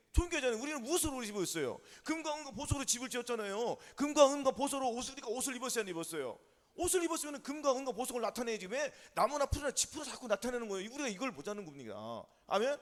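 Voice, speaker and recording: A male pastor preaches in a very high, lively voice that leaps up and down in pitch. He talks quickly and emphatically, repeating himself and pressing his listeners with rapid yes-or-no questions and calls of amen. The sound carries a long reverb from a church hall. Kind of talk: sermon.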